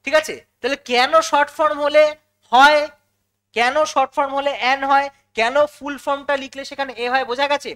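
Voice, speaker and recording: A quick-talking woman teaches English grammar. She goes step by step, repeats the key words and keeps checking in with her students through questions. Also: high-pitched, steady tone, a bit bright. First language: Bengali. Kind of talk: classroom-style lesson explanation.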